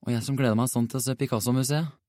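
A man's voice: medium pitch, darkish tone, dry recording, studio quality, lightly acted. A man voicing a cheeky schoolboy who talks in a teasing, mock-innocent way.

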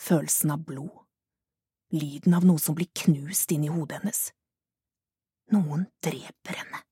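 A woman narrating a thriller audiobook in a measured, hushed manner. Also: sits low, fairly even intonation, husky, dry recording, clean studio sound. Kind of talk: scripted narration.

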